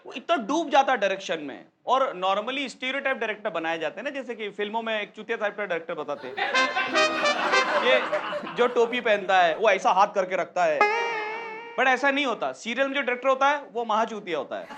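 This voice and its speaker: High-voiced stand-up comic. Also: male voice, brisk, loud music behind the voice. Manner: animated storytelling, acts out characters. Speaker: stand-up comedian. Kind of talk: stand-up comedy set.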